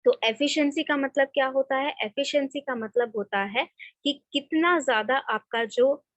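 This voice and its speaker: A woman's voice: high-pitched, normal speed, fairly bright tone, no room sound. Woman lecturing an online class. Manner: explains in Hindi mixed with English, often adds "theek hai". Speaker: college lecturer. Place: home or office desk, online class. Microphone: computer mic, screen share.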